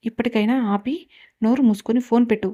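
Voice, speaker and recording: Woman doing a shy young bride in a storybook, soft and hesitant, mellow slightly high voice, fairly flat. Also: quick pace, lightly acted. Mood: fed up. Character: timid young woman student, new wife.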